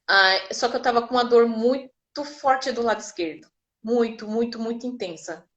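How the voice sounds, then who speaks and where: A woman's voice: on the high side, moderate pace, lo-fi sound. A Brazilian woman telling her birth story casually and vividly, acting out the people she quotes. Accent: Brazilian Portuguese.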